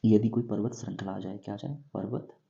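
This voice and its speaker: A man teaching English grammar in a classroom-style lesson, going slowly and asking himself questions before he answers them. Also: lowish voice, fairly even intonation, gravelly, mellow, highs cut off. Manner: slow, repeats and quizzes himself with questions.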